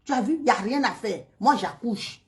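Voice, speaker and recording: High-pitched woman, heated mocking vlog rant with sharp loud-to-quiet swings. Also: lively intonation, normal speed. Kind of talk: heated direct-to-camera rant.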